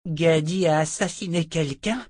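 A man's voice: fairly high pitch, unhurried, darkish tone, no room sound, clean studio sound, voice pushed up. A man voicing a distrustful, loyal teenage boy in an audiobook, with a suspicious, questioning manner. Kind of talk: audiobook character voice.

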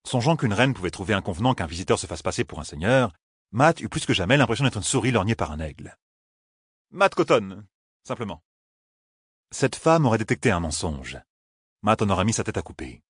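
Husky low-voiced man reading a story. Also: very animated, no echo, studio quality. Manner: measured storytelling, slowing for emphasis. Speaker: audiobook narrator. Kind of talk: scripted fantasy narration.

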